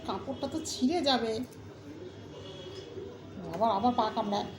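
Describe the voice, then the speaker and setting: A woman's voice: on the high side, lively intonation, normal speed. A woman talking casually to her pet dog, coaxing and scolding it in a sing-song voice. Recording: echoey room with clear background noise.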